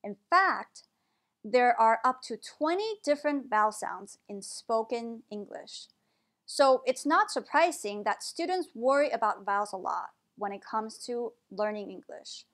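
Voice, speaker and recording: A woman with a high voice teaches English pronunciation at an unhurried pace. She models each word carefully and clearly, in a patient classroom-lesson delivery. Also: lively intonation, a bit bright.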